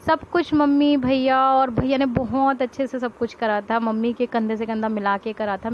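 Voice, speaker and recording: A woman's voice: a little high, dull audio, a little hiss or hum. A young woman, vlogging at home and telling family stories casually, often laughing. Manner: chatty and animated, laughing often. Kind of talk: casual storytelling to camera.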